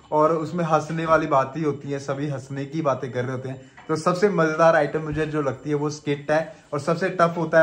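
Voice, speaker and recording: A man in his thirties chatting casually in a family vlog, explaining things at length. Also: mid-range voice. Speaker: vlogger.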